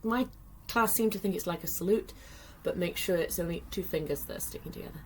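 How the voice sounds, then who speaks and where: A woman's voice: on the low side, fairly quick, darkish tone, a little hiss or hum. A woman teaching sign language in a friendly tutorial, explaining patiently step by step with the odd filler.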